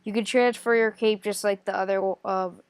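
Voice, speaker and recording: A woman's voice: medium pitch, steady tone, smooth, dry recording. Stuffy-nosed woman rambling through a game tutorial. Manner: thinks aloud, hesitant, many pauses and self-corrections. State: stuffy nose from a cold. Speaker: gaming tutorial creator. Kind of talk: casual screen-recorded game walkthrough.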